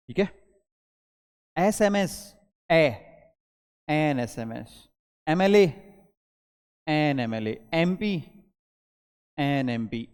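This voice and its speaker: A man with a fairly high voice teaches a grammar lesson in Hindi and English. He explains each point step by step and keeps quizzing his students with questions. His voice carries a long reverb from the room. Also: darkish tone, clean tone.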